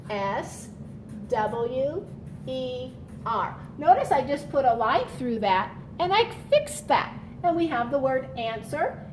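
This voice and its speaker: A woman teacher leads a children's read-aloud lesson, speaking deliberately and instructionally while repeating key words. Her voice is high-pitched, and the rough recording carries a little hiss or hum.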